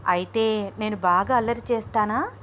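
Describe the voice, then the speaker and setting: A woman's voice: moderate pace, slight background noise, lightly acted. A woman voicing a young pregnant wife who is affectionate and anxious, in a pleading, raised voice. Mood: excited. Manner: pleading, breathless, high and loud.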